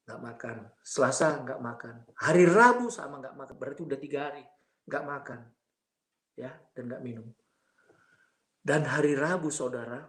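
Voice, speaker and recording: A man's voice: mid-range voice, roomy sound. A man giving a spoken testimony, telling his story with feeling and often turning to address his listeners. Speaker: testimony speaker.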